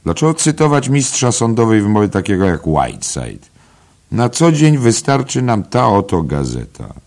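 A man's voice: on the low side, very animated, moderate pace, a little mellow, pitched above the performer's own voice. A man voicing a pompous, eloquent middle-aged barrister in an audiobook, declaiming his words like an orator. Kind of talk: audiobook character voice.

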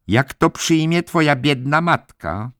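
A man's voice: fairly low pitch, expressive, a little slow, a bit bright, no room sound, studio quality, voice pushed up. A man voicing a stern, icy middle-aged head nurse who talks in a cold, falsely sweet way. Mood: cloying.

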